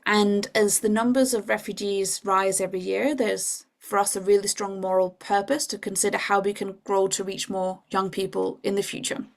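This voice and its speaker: A woman's voice: medium pitch, normal speed, vocal fry, hardly any pauses. A woman giving a casual, conversational online presentation for an education charity over a video call microphone. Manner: casual, conversational, relaxed fillers.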